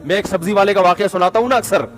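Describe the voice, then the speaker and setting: Man, moral storytelling talk, conversational, slightly high pitch, faint background music. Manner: conversational, keeps addressing listeners as brother. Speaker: speaker giving moral advice.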